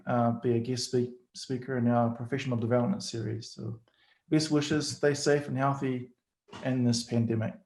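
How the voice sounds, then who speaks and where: A man with a flat, even voice gives formal thanks as dean, pausing often and filling gaps with "uh." The sound is echoey, as if from a bare room on a video call. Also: medium pitch. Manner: halting, many fillers. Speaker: dean of graduate studies.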